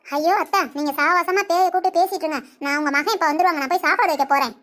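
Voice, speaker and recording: A high-voiced cartoon daughter-in-law, voiced by a woman. She speaks in a matter-of-fact, dismissive way, with dry humour. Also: rapid-fire, fairly bright tone. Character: sensible, dry-witted young daughter-in-law.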